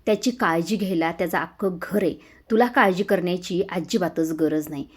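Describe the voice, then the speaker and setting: A woman voicing a harsh aunt who shouts and berates a younger woman, in a retold serial scene. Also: on the low side, moderate pace, breathy edge. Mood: scolding.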